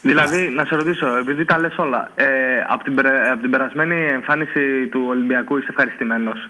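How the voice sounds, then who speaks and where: A man's voice: mid-range voice, bright, forceful tone, low-quality recording. A man in his twenties from Thessaloniki, calling in to a sports radio show and insisting eagerly on his point. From Thessaloniki, Greece. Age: 20s. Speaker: caller. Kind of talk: phone-in argument.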